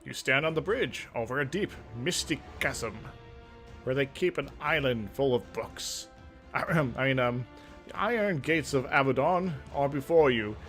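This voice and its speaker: Soft background music plays as a gaming video host reads out a fantasy game theatrically, interrupting the storytelling with casual asides. He speaks unhurriedly in a medium-pitched, fairly bright voice with lively intonation.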